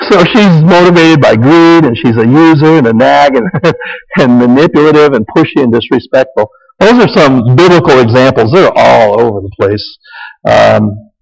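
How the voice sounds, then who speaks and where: A man's voice: medium pitch, gravelly. A man preaching a Bible lesson in a conversational, repetitive way, with offhand asides. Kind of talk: sermon-style teaching. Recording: echoey hall reverb.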